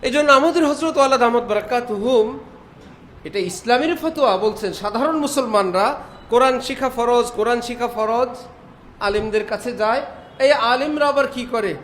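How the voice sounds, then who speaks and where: A man preaching a sermon, full of rhetorical questions and lively imitations of Arabic pronunciation. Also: very high voice, normal speed. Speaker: Islamic preacher. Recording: faint background noise.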